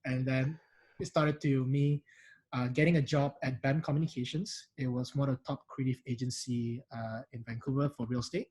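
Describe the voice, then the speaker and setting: A man's voice: mid-range voice, fairly even intonation, normal speed, a little mellow, slightly rough, rough recording. A man from Indonesia with a mixed Singaporean and Indonesian accent, chatting animatedly as an interview guest with many restarts. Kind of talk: casual interview chat.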